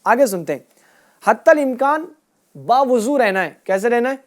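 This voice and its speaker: A woman teaching a group of children, asking them questions and repeating their answers, and drawing out key words slowly. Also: fairly high pitch, lively intonation. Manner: asks a question, then repeats the answer back. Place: room with children and a passed microphone.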